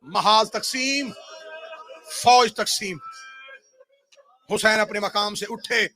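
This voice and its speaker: A male cleric delivering a mourning sermon in a slow, drawn-out, lamenting recitation that swells into wailing shouts. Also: sits high, soft background music.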